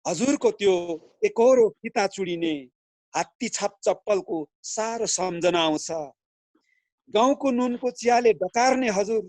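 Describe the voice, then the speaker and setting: A man reciting his own poem in a slow, earnest recital, speaking over a video call. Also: high voice, darkish tone, no room sound. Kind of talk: poetry recitation.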